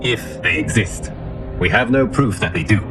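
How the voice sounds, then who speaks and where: A low male voice for a noble protector god played by an actor in a video game cutscene. He sounds grave and formal, carrying the burden of a whole realm. Music runs clearly behind him. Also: moderate pace, lightly acted. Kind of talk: video game cinematic acting.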